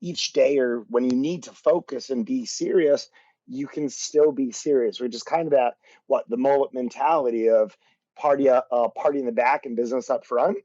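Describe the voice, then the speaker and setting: A man's voice: medium pitch, fairly even intonation, normal speed, warm tone, dry recording, dull audio. A man who is a motivational speaker, talking earnestly as a podcast guest and using many fillers. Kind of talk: casual interview chat.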